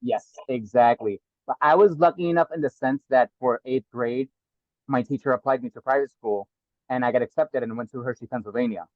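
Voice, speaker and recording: Speaking as an interview guest, this New York man from the South Bronx is earnest and reflective, often repeating words while he thinks it through in casual conversation. The audio is dry and muffled without echo, and his medium-pitched voice moves at a brisk clip.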